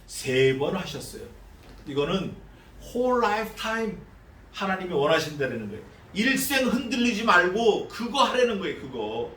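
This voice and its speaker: A male pastor preaching an expository sermon in a church, animated and conversational, acting out the voices of the figures he speaks of. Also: high voice, measured pace, reverberant, distant mic, a little hiss or hum. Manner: conversational, asks the congregation questions. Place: church sanctuary.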